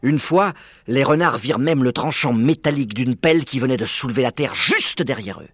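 Male storybook reader, dramatic, slightly breathy, dry close sound. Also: mid-range voice, a little fast, no room sound. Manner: expressive, dramatic. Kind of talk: reading a children's storybook aloud.

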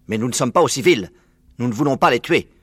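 A man reading a storybook aloud and voicing Mr Fox, a clever, confident fox father, in a lively, emphatic, raised voice. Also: medium pitch, quick pace, breathy edge, no echo, clean studio sound, pitched above the performer's own voice. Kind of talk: audiobook reading.

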